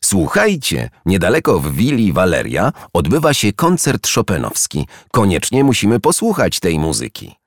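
A man's voice: sits low, huge pitch swings, normal speed, hardly any pauses, no echo, studio quality, exaggerated voice. Jerzy, a man doing a proud know-it-all hedgehog. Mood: explaining. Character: proud, sociable male hedgehog, knowledgeable host.

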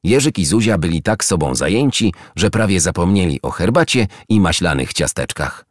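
A man reading a children's story aloud in an expressive storytelling manner. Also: low-pitched, moderate pace, no room sound, studio quality. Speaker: narrator.

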